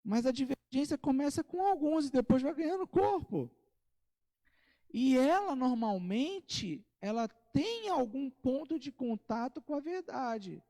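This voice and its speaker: Warm-voiced Brazilian man teaching scripture. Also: very high voice, big pitch swings, big-room sound. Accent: Brazilian Portuguese. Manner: reads scripture slowly, then explains with asides and light humor. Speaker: Bible study teacher. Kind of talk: conversational Bible study teaching. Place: church.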